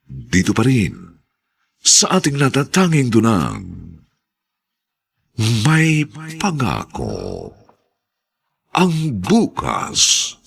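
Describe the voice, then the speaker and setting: Gravelly, slow Filipino radio announcer man. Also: mid-range voice, wildly swooping pitch, fairly bright tone. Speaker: drama announcer and narrator. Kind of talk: scripted radio drama introduction.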